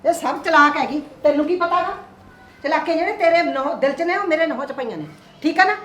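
An actress playing a harsh, sharp-tongued older mother-in-law in a short film. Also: high voice, a little fast, reverberant. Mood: scolding. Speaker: actor. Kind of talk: Punjabi short film acting.

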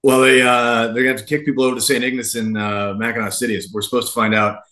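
A man's voice: mid-range voice, flat delivery, quick pace, bright, forceful tone. A man who races sailboats, answering interview questions in an easygoing, agreeable way. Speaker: racing sailor guest. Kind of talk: casual interview.

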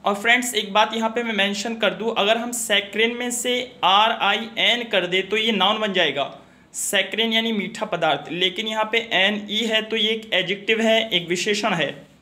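A man with a high, bright voice teaching a spelling lesson. He spells words letter by letter and explains each meaning at a steady, instructional pace, often pausing with a hesitant filler. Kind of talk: educational video lesson.

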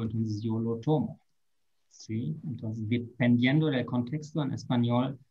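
A man teaching an online language lesson, drilling verb forms slowly and carefully. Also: medium pitch, darkish tone, husky, lo-fi sound. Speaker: German teacher.

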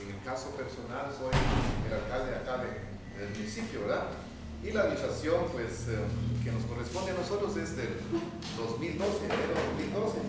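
A middle-aged man, a town mayor, giving an informal welcome speech, hesitant and full of fillers, filmed by a far camera in a meeting room. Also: medium pitch. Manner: hesitant, many fillers and tag questions. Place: medium indoor meeting room. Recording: echoey room, noisy, from far off.

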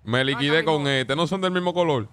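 Man, Dominican accent, bright forceful voice, slightly high, teasing street slang, game role-play. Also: fairly quick, a little hiss or hum. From Dominican Republic. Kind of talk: casual role-play banter.

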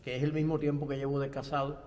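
A man's voice: medium pitch, completely flat delivery, fast talker, darkish tone, long reverb tail. An older man from Cuba, a pastor and theology professor, answering interview questions in a reflective way with light self-deprecating humor. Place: studio set with bright backdrop.

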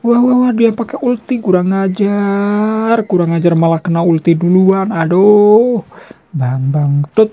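A young adult giving excited gameplay commentary, trash-talking and shouting fight noises. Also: medium pitch, measured pace.

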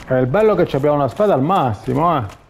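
A man's voice: on the high side, expressive, fast talker. A man commentates his video game, cursing explosively in frustration. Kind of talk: gameplay commentary. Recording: clear background noise and game ambience.

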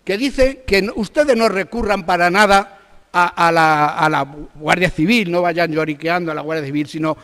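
A man's voice: high voice, moderate pace, a bit bright. A man with a Spanish accent from Spain gives a formal, accusatory speech as an opposition spokesman in a district council meeting. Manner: combative, accusatory, rises when attacking. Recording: long reverb of a council hall.

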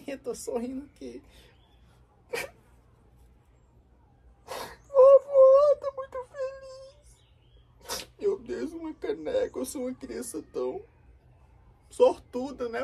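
A woman's voice: medium pitch, gravelly, warm tone, distant mic, a little hiss or hum. A woman playing a young boy in a comedy sketch who thanks his family with overdone, mock-sincere gratitude. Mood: sarcastic. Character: young boy, sarcastically grateful.

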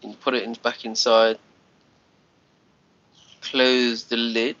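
A Scottish man in his thirties chats casually with livestream viewers while lying on a sofa in his small bedroom, rambling, restarting words and sounding a little congested. His medium-pitched voice is slow, monotone and fairly bright. The audio is dry, lo-fi phone sound from a handset held at arm's length.

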